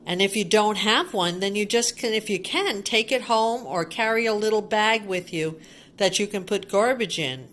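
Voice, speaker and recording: With a medium pitch, a moderate pace and a fairly bright tone, a woman reads a picture book aloud to young children the way a teacher would. She explains things simply, repeating words and asking little questions as she goes, in a read-aloud storytime with simple asides.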